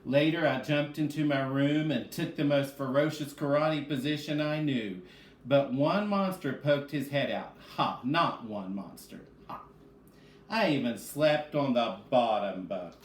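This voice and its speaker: In this read-aloud lesson, a male reading teacher speaks to children at medium pitch and an unhurried pace. He talks to them directly and answers the questions he asks, and the echoey room carries faint background noise.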